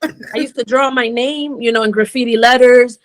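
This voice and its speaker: A woman in her forties from Rhode Island talks through her story as an interview guest, with a slightly high voice. She is lively and chatty and laughs easily as she goes. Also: moderate pace. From Rhode Island, United States. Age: 40s. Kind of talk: casual interview chat.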